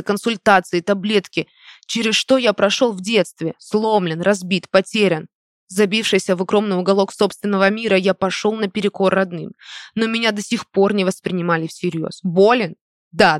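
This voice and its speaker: An audiobook reader narrating a first-person novel in a measured, even way, recorded close to the mic. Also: medium pitch, no room sound.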